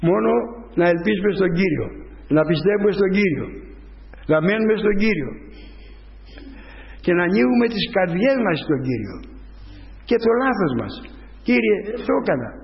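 A man's voice: high-pitched, vocal fry. A man giving a rambling, fervent spoken testimony to a church congregation, full of restarts. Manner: rambling storytelling with many restarts, preaching fervently. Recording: dull sound with long hall reverb.

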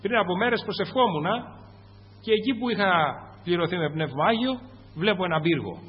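A Greek man preaching a fervent sermon to his congregation, rising to loud peaks and dropping to low asides. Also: lively intonation, husky. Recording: muffled, echoing church recording.

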